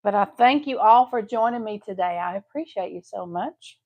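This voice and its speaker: Painting live on her craft stream, a Southeast Texas woman keeps up homey, chatty talk with viewers. She speaks at medium pitch and normal speed, and the audio sounds dull.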